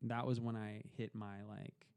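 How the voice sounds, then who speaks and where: A young man appearing as a podcast guest tells his story in a casual interview, earnest and reflective, often repeating words as he gathers his thoughts. His voice is on the low side, flat, a little slow, smooth, and darkish, in a dry recording.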